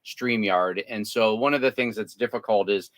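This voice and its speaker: A man's voice: lowish voice, moderate pace. A man co-hosting a casual livestream from inside a camper, reading out viewer comments and joking. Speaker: co-host of an RV livestream.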